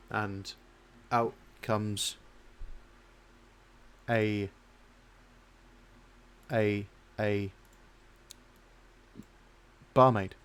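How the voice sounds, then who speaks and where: Guy running a tabletop game, lowish voice, rambling chatty narration. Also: flat delivery, drawn-out words, pauses often, fairly bright tone, smooth. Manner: loose, chatty narration with fillers and asides. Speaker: game master.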